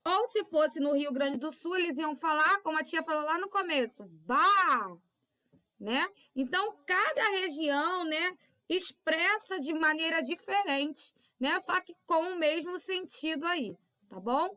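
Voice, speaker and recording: A woman's voice: very high voice, unhurried, bright, forceful tone. A woman teacher, giving a recorded lesson to children and patiently checking in with little tag questions. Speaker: primary school teacher.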